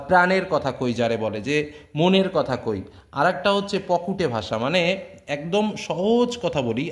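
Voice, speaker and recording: Man teaching a lesson. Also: fairly high pitch. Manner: conversational, with many fillers and checking questions. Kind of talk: explaining a lesson to students.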